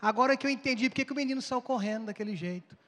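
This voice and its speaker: A male pastor preaching a sermon with animated, dramatic storytelling. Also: very high-pitched, racing, long reverb tail.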